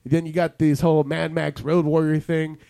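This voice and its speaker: A man's voice: fairly high pitch, flat delivery, normal speed, creaky, dark tone, smooth, dry recording. A man hosting a podcast in casual chat, rambling and joking, acting out lines from ads. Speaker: podcast host.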